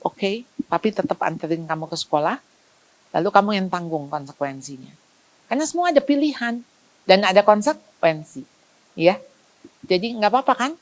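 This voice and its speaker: A woman giving a lively parenting seminar as a family counselor, acting out dialogue with playful voices. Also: medium pitch. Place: school seminar hall.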